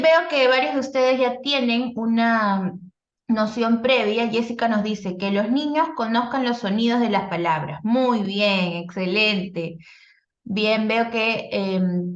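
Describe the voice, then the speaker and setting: A higher-pitched woman teaching as a speech therapist in a live online workshop. She explains step by step, checking in with listeners and leaning on fillers. Her voice comes over a dull, roomy video call line. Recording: echoey lo-fi video call audio.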